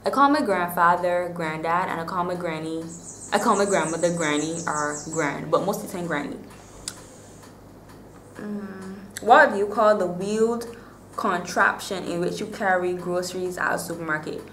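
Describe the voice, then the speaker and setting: A woman's voice: on the low side, normal speed, fairly bright tone. A woman in her twenties with a Barbadian accent, chatting casually to the camera as a vlogger. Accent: Bajan (Barbadian). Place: small bare-walled room indoors. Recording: roomy echo, faint background noise.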